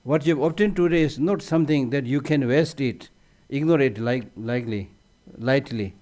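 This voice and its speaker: Brief: male Buddhist teacher, mellow tone, chatty restarts, light humor. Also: mid-range voice, moderate pace. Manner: conversational, repeats words as he restarts. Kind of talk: conference teaching talk.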